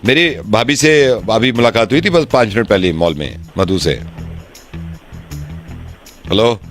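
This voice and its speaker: A man's voice: on the low side, lively intonation, a bit bright. Male radio host, chatty prankster who keeps insisting and laughs a lot, faint music bed. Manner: chatty, laughs often, talks fast and insists. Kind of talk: prank phone call.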